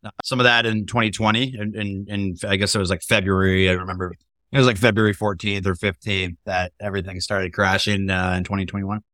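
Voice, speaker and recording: A man's voice: deep voice, level tone, fairly quick, pushed and bright, dry recording. A man hosting a casual investing discussion, asking loose, rambling questions full of hesitant fillers.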